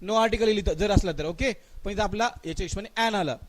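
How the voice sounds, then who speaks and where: In a live online English grammar class, a man with a Marathi accent quizzes his students and presses them to answer fast, stretching out his example sentences in a slow drawl. His voice is high, and there's slight noise in the background.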